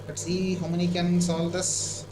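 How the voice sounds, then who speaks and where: A man's voice: sits high, completely flat delivery, measured pace. A man with an Indian accent teaching a live online maths lesson, working a problem aloud, repeating himself and asking checking questions. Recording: echoey room with clear background noise.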